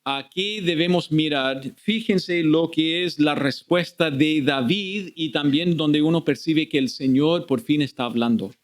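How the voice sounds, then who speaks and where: A male preacher delivers an expository sermon to his church. His voice sits high. He keeps turning to the congregation with rhetorical questions. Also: unhurried, few pauses.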